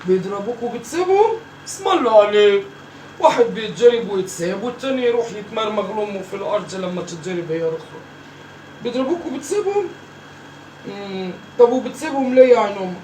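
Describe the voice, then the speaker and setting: Someone doing a bossy egyptian granny, old lady scolding the grandkids, talks fast, echoey and kinda far off. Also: medium pitch, sing-song, a little mellow, lightly acted. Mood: bossy teasing. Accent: Egyptian Arabic. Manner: scolding, teasing, repeats herself. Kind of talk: comic family sketch. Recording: roomy echo, from far off, faint noise.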